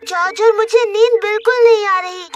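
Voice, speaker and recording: A performer voicing a cheerful, playful little girl piglet in a children's cartoon, childlike and excitable. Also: very high-pitched, fairly quick, distant mic, lo-fi sound, faint music behind. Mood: playful, pleading. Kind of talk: children's cartoon dub in Hindi.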